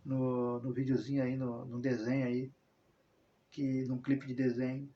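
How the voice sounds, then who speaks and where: A mid-range, monotone male voice moves a little slowly against slight background noise. It belongs to a religious video host from southern Brazil whose casual personal monologue rambles along with tag questions and self-corrections. The sound is dull and lo-fi.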